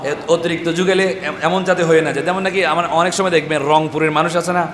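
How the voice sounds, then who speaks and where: In a large, echoey madrasa classroom full of students, a man teaches a tajweed lesson, quizzing the class and drilling syllables over and over with repeated questions and chanted sounds. His voice is a little high, steady in tone and fairly bright, and he talks fast. The recording has the echo of the hall and a noisy class behind him.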